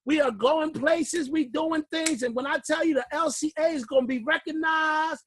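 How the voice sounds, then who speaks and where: Fiery high-voiced man coaching a class. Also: moderate pace, slight background noise. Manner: fiery preacher-like delivery, swinging from loud shouts to low murmurs. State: out of breath. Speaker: class leader. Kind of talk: motivational teaching call. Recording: recorded call.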